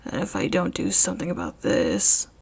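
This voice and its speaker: A woman voicing a grown man, a tired hero teacher who is quietly angry, in a low, slow, breathy hush. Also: very animated, heavily acted.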